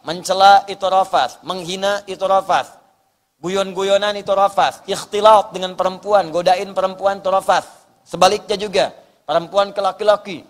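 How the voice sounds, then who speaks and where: A high-pitched male preacher delivering a sermon. He moves between emphatic, raised passages and soft storytelling. His voice carries a long reverb from a lecture hall. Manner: animated, rising to emphatic bursts and dropping to soft storytelling.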